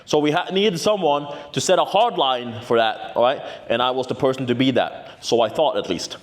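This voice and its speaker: A man's voice: mid-range voice, moderate pace. A young man with a mid-range voice tells a story straight to camera. He is brash and boastful and swears freely, leaning on "right?" to keep the listener with him. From Norway. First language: Norwegian. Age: 20s. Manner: brash, boastful and profane, full of "right?" tags. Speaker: vlogger. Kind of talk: casual storytelling vlog.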